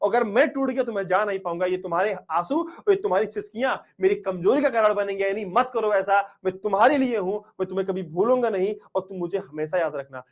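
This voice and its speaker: A man's voice: high-pitched, fairly quick, hardly any pauses, lightly acted. A man acting out a young lover who tenderly begs his beloved not to cry at their parting. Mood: earnest. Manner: tender, pleading, earnest.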